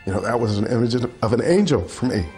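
A man with a mid-range voice speaks slowly and quietly, reflecting on his escape in an interview. Soft music hangs in the background. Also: mid-range voice, expressive. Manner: slow, quiet, reflective speech. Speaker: survivor. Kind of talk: interview recollection.

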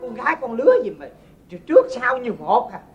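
A woman's voice: a little high, big pitch swings, fairly quick, highs cut off, faint music behind. A woman playing a blunt, fussy older mother who finds fault with every bride her son brings home, in a comic sketch. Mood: scolding. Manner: blunt, scolding, mocking.

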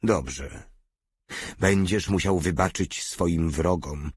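A man's voice: sits low, slow, breathy edge, no echo, heavily acted. A man voicing a stern, scheming veteran legionnaire who speaks in a solemn, preaching tone, read as an audiobook character.

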